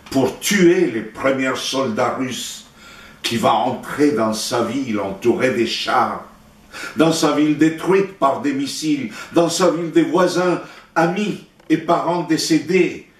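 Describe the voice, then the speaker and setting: Reading his own poetry, a Chilean man from Santiago speaks his native Spanish with a Chilean accent in a mid-range voice. The recitation is solemn and declamatory, deliberate, with pauses separating short phrases. A roomy echo comes through the distantly placed microphone.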